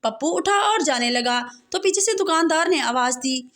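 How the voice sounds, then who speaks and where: Female joke reader, high voice, quick setups and punchlines. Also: animated, a bit bright. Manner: punchlines followed by canned laughter. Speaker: joke teller. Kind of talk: reading out short jokes.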